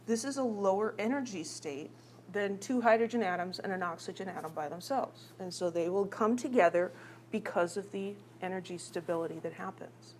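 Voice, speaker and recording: In a recorded classroom lecture, a woman teaches chemistry in a chatty, teasing manner, quizzing students as she works through examples. Her medium-pitched voice is a little mellow at a moderate pace, with a faint hiss or hum.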